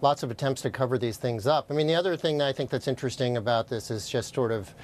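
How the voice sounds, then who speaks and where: A man speaking as a news panel analyst, careful and deliberate. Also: mid-range voice, a little hiss or hum.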